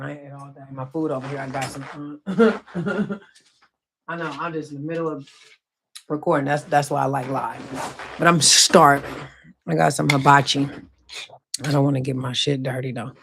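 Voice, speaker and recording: A woman hosting her own podcast, talking casually and loosely about faith, slowing down to repeat her key points with emphasis. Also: rumbling low, fairly even intonation, gravelly, a bit bright, slight background noise. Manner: slow emphatic repetition of key phrases, casual and profane. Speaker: podcast host. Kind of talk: casual faith-themed monologue.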